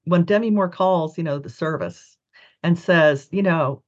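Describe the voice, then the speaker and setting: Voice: mid-range voice, measured pace, highs cut off. A co-host discussing a film in an agreeable, conversational way.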